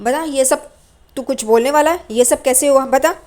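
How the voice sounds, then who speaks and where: A woman voicing a bossy, sharp-tongued middle-aged aunt as she retells a TV serial, scolding in a raised voice. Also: high-pitched, moderate pace, natural voice.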